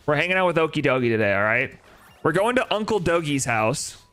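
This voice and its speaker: A man's voice: a little high, sing-song, fairly quick, a bit bright, soft background music. A young man, chatting casually on a live stream, opinionated and answering his chat with rhetorical questions. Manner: opinionated, talks back to chat with rhetorical "right?".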